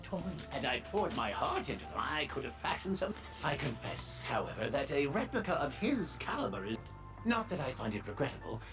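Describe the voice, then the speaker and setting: A woman's voice: sits low, big pitch swings, normal speed, over music. A woman voicing an eccentric, wordy professor in a video game, courtly and coy, with florid, theatrical, hesitant phrasing. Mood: coy, wistful. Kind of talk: English video game voice acting.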